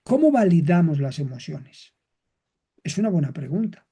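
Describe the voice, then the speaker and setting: A male teacher lecturing counseling students in measured, list-like phrases, asking rhetorical questions and often clearing his throat. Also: a little high, big pitch swings, warm tone.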